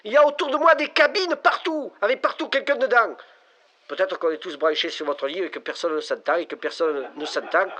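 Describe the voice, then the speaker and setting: A man's voice: high-pitched, fairly quick, sharp tone. An actor playing a lonely, frightened young man calling in from a payphone at night, his voice sounding distant on the line. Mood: desperate. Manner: pleading, breaking into panic. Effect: payphone call, distant caller on the line. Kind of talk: stage monologue acting.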